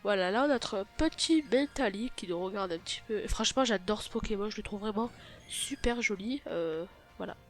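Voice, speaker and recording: A woman's voice: mid-range voice, expressive, fairly quick, faint music behind. A woman with a cold and a blocked, nasal voice gives a casual, hesitant game tutorial, often correcting herself. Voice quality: nasal, stuffy blocked-nose voice. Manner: hesitant, self-correcting, apologetic. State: sick with a blocked nose. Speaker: YouTube gaming video host.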